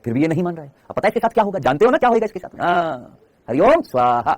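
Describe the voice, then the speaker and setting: Fast, animated male biology teacher. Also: on the high side, dry recording. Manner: asks students questions and answers them himself; teasing, calls students by name. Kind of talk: online exam-prep lecture.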